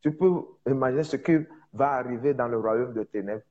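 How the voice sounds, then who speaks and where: A man preaching in French with a foreign accent, a non-native speaker teaching informally on evangelism, with emphatic repetition and halting searches for words. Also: mid-range voice, darkish tone, dull audio. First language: not French, speaks it as a second language. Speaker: preacher, prophet.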